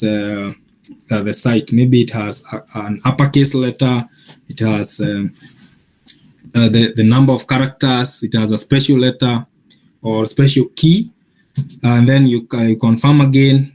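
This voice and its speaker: A man giving a software training session, explaining each step patiently with many pauses and filler sounds. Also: mid-range voice. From Kenya.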